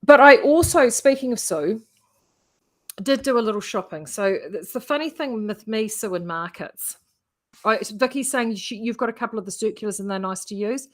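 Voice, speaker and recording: A woman's voice: fairly high pitch, expressive, normal speed. A woman with a broad New Zealand accent chatting casually to viewers in a rambling, self-interrupting way as host of a craft vlog. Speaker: knitting vlogger and yarn shop host. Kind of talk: casual chat to live viewers.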